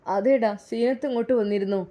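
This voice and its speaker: A woman's voice: a little high, fairly even intonation, a little fast, mellow, close to an everyday voice. A woman voicing an affectionate, worried elderly mother with a Malappuram Malayalam accent.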